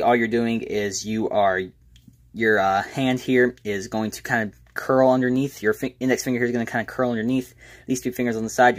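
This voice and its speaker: A man presenting a casual, step-by-step magic tutorial in an informal, self-deprecating way. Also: medium pitch.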